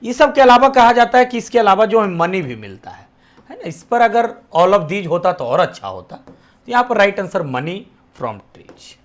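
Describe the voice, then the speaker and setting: Animated Bihari man quizzing his students. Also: high-pitched, moderate pace. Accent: Bihari Hindi. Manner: quizzing, repeats answers as questions; drops to near-whisper on answers. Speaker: teacher. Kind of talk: exam-prep lesson.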